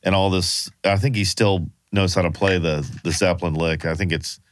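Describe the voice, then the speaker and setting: A man talking as a guest in a relaxed, hesitant way. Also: low-pitched, normal speed, no room sound, clean studio sound. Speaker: musician guest. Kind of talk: casual interview.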